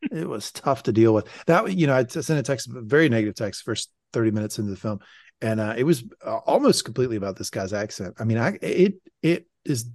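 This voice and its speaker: A man's voice: mid-range voice, animated, quick pace, darkish tone, no room sound, studio quality. A man hosting a casual podcast chat, wry and sarcastic, swearing casually. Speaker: podcast host.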